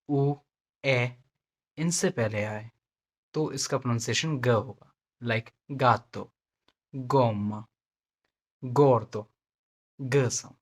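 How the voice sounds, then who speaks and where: A man giving a language lesson at an extremely slow, deliberate pace. He says each example word two or three times over and slips English phrases into his explanation. His pitch sits at an ordinary level for a man. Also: a bit bright, breathy edge. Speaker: language teacher.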